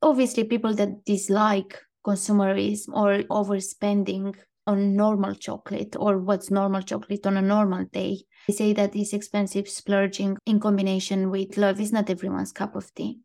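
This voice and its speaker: A woman's voice: medium pitch, little pitch movement, moderate pace, gravelly, hardly any pauses, dark tone. A woman co-hosting a casual podcast, talking in an easy chat and reading quotes aloud. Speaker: podcast co-host.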